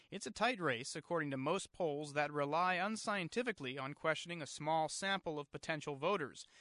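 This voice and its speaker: A man's voice: fairly high pitch, pushed and bright, no echo, studio quality. A man hosting a radio show, reading scripted mock news narration.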